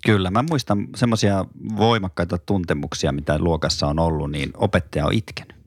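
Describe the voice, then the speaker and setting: A man with a low voice co-hosts a relaxed podcast. He is recorded close and dry. He tells stories with dry, joking humor. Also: slightly rough, no echo. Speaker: podcast co-host, class teacher. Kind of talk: casual podcast chat.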